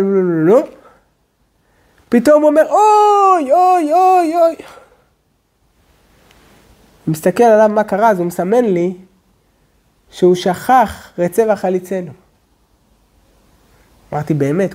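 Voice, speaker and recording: A male rabbi giving a sermon, speaking slowly and deliberately and often dropping to a low, quiet tone. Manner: slow, deliberate preaching with sudden drops to a low hush.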